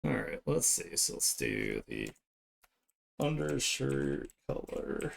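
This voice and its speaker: A man with a deep, rumbling, gravelly voice talks slowly, his pitch swinging widely. He's a streamer and digital artist chatting casually on a livestream while he draws, thinking out loud and often trailing off mid-thought.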